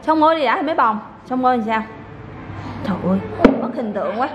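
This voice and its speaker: A woman's voice: on the high side, animated, quick pace. A young mother filming a casual family vlog at home, playfully coaxing and praising her children as they eat. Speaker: mother and vlogger. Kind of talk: casual family vlog, talking to kids and viewers. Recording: loud background noise.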